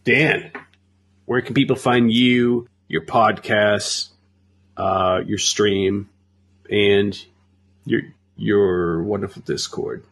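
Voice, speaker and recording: A man hosting a podcast, thanking guests and asking where to find them in a relaxed, casual way. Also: fairly low pitch, drawn-out words, slight background noise. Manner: wraps up the show with thank-yous and questions. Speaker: podcast host. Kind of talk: casual chat.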